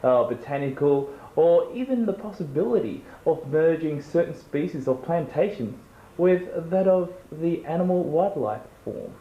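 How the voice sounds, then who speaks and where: A man's voice: on the high side, lively intonation, normal speed. A man asking long-winded, mock-formal questions in an improvised comedy interview. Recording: roomy and dull.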